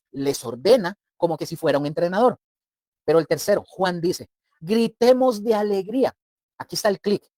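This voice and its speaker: A man's voice: high-pitched, darkish tone, no echo. Guy preaching a bible study, really emphatic, acts stuff out, dry close sound. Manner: emphatic and explanatory, addresses listeners as brothers, acts out everyday examples. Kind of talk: sermon-style Bible teaching.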